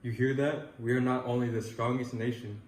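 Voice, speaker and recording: A man's voice: medium pitch, little pitch movement, a little fast, lightly acted. A man playing an earnest, patriotic 1940s field reporter in a scripted news interview. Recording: echoey room with faint noise.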